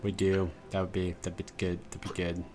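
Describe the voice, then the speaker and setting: A man co-hosting a casual livestream chat about tabletop games, relaxed and asking the others questions. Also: low-pitched, brisk. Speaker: podcast co-host.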